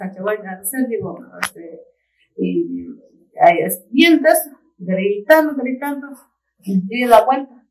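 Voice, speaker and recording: A woman's voice: mid-range voice, a little mellow. Woman telling a story from afar. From Ecuadorian Amazon. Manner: halting, repetitive storytelling with frequent restarts. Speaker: community leader and chef. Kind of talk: personal storytelling in an interview. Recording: voice picked up from a distance.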